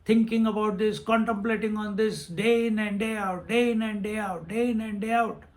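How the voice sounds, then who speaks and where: A man's voice: high voice, steady tone, moderate pace. A man giving a spiritual discourse on scripture, repeating phrases and chanting verses. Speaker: swami teaching scripture.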